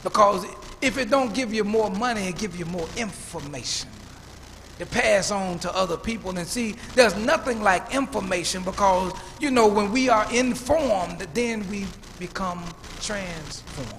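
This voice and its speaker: Male pastor, fifties, high voice, storytelling sermon, reverberant church hall. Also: unhurried, fairly bright tone. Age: 50s. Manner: preacherly storytelling, repeats words when building up. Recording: church hall reverb, faint room noise.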